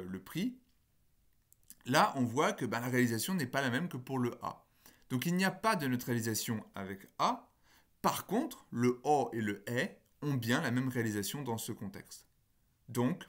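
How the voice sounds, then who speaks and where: A man giving a phonology lecture in a patient, explanatory way. He hesitates with fillers, corrects himself, and slows down to spell out example words. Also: mid-range voice. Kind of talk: recorded university lecture.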